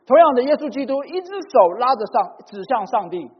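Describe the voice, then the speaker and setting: A man preaching a sermon in short phrases, pausing for an interpreter. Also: very high-pitched, very animated, slightly rough. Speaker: pastor. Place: church hall. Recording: dull recording in a reverberant hall.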